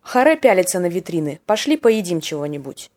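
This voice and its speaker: Slight background noise accompanies this woman's low, darkish voice as she hosts a podcast on Russian slang, very animated and brisk. Her scripted narration is wry and playful, broken up by short acted example lines.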